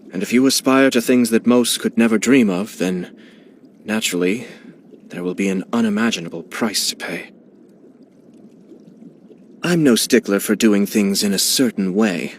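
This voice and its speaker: In video game voice lines, an actor plays a genteel, scheming young male clan head, speaking smoothly, measuredly and courteously with quiet amusement. The voice is fairly low and lightly acted, with slight background noise.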